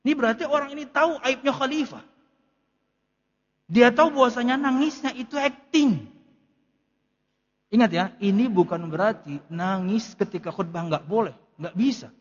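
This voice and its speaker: An ustadz leads a kitab study, reading Arabic lines and explaining them one by one in casual, conversational Indonesian. His voice is very high, with a moderate pace and long pauses, and the dull audio has a big-room sound.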